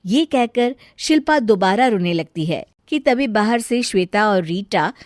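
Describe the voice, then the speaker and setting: A woman narrating a scripted family story in an expressive storytelling way. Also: medium pitch, a little slow, no room sound, studio quality.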